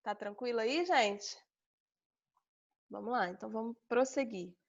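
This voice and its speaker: A woman's voice: on the high side, measured pace. A Brazilian woman teaching an online class, explaining step by step and checking in with her students often. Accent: Brazilian Portuguese. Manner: patient, explaining step by step with frequent "tá?". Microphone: video call. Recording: dull lo-fi video call audio.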